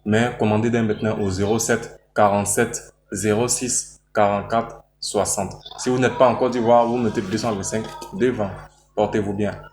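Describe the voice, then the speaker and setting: A man delivers an infomercial sales pitch as a presenter. His voice sits over clearly noticeable background noise. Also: fairly even intonation, normal speed, darkish tone. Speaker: presenter selling a herbal remedy.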